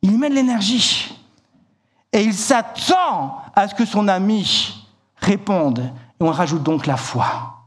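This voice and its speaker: High-voiced man preaching a lively sermon. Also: slow, husky. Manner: animated storytelling, acts out shouted lines; repeats words, stumbles and restarts. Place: church.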